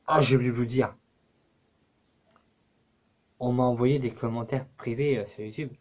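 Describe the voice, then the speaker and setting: A man's voice: mid-range voice, fairly even intonation, normal speed, a little mellow. A man talking casually to his camera for his own channel, rambling and cursing with many fillers. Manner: rambling, profane, full of fillers. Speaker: YouTuber.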